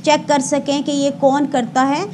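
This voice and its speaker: As an interview guest representing an emergency service, a Pakistani-accented woman with a very high, darkish voice gives formal explanations with statistics, mixing Urdu and English. Her delivery is flat, with occasional pauses and self-corrections, over faint background noise.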